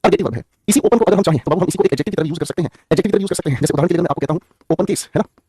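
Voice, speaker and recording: Brief: male online grammar teacher, very fast, high husky voice, teasing and jokey, close dry mic. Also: mellow, no room sound. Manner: playful and joking, teases students by name; repeats questions and answers them himself. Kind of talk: online English grammar lesson.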